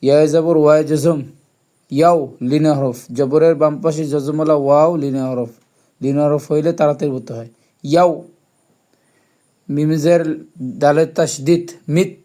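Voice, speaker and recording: Man, Quran reading lesson, spells letters and vowel marks, long drawn-out chanting, warm dark tone, slightly higher voice. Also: fairly even intonation.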